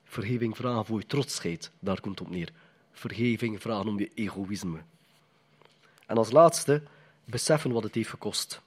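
A man's voice: lowish voice, moderate pace, slightly rough. A man preaching a sermon in a conversational, emphatic way, often putting questions to the congregation.

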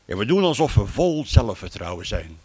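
A man preaching a sermon, opening with a prayer and a Bible reading in an earnest, measured way. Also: on the low side, very animated, a little mellow, slightly rough. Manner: earnest, measured, with frequent restarts.

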